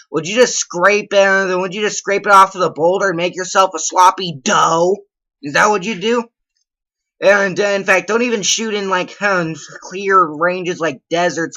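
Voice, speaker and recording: A man's voice: high voice, bright, forceful tone, low-quality recording. A man hosting a comedy vlog, reading out his own school report as a rambling, sarcastic rant full of mock outrage. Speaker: comedy vlogger.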